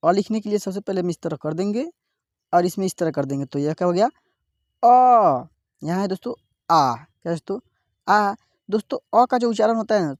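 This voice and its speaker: Woman, online Hindi teacher, middle pitch, patient, question-led drilling, dry close recording. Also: a little mellow, no room sound. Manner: repeats "क्या दोस्तों?" often, drawing out the vowels she teaches. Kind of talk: step-by-step alphabet lesson.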